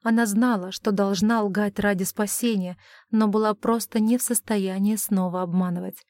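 A woman reading a romance novel aloud as an audiobook narrator, measured and even. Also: medium pitch, no echo.

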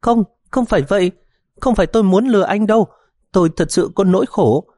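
A man's voice: a little fast, dark tone, no room sound, clean studio sound, lightly acted. A man voicing a sobbing young woman begging. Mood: tearful pleading. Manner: high pleading, tearful. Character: distraught young woman pleading in tears.

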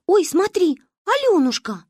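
A woman voicing a bold, excitable little girl with eager, high-pitched speech. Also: normal speed, no room sound, clean studio sound. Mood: excited.

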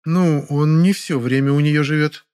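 A man's voice: fairly high pitch, fairly even intonation, normal speed, darkish tone, clean tone, pitched above the performer's own voice, lightly acted. A man voicing a gossipy, gloating woman neighbor. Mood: pondering. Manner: tattling, gloating.

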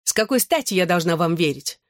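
A man reading an audiobook who voices a paranoid, furious woman around forty, with a shrill, hostile and suspicious delivery. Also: expressive, a little fast, fairly bright tone, dry recording, studio quality.

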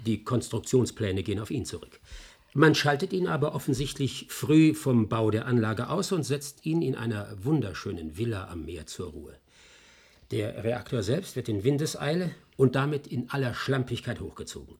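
An actor playing a sharp, persistent male investigator in a German radio play, explaining in a measured, insistent way with a slightly husky voice. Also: mid-range voice, big pitch swings. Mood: explanatory, assured.

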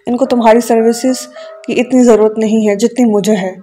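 A woman reading the lines of a stern, quick-tempered young husband in a novel, curt and scolding but tender underneath, with faint music behind. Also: fairly high pitch, fairly even intonation, dark tone, close to an everyday voice. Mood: earnest.

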